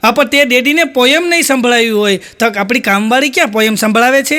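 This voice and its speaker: High-voiced comedian telling jokes. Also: male voice, fairly quick, very noisy. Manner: storytelling, acting out characters' lines in higher voices. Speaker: stand-up comedian. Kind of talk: stand-up joke telling.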